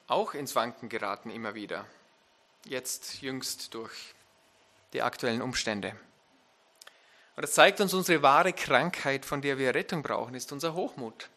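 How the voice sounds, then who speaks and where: In a mid-range voice, this preacher addresses his congregation emphatically. He poses direct questions and rises to loud, fervent climaxes.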